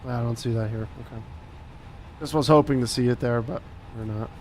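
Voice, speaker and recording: A man running a flight sim cockpit, reading checklist items and making radio calls to a controller over a headset mic, halting and full of fillers. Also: mid-range voice, slight background noise. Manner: slow, halting, with many fillers and restarts. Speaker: flight simulator pilot.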